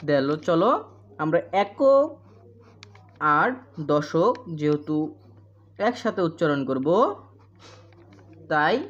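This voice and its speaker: Casting: woman math teacher, low voice that rises and falls a lot, dull lo-fi audio. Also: lively intonation. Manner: repeats questions and answers, counts out place values slowly. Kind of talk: primary school math lesson. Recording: dull lo-fi sound.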